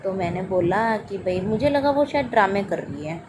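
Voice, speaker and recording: A woman's voice: medium pitch, lively intonation, normal speed, noisy background. A woman, a mother, telling a personal story about her daughter in spoken testimony style, voicing both her own lines and her daughter's as she goes.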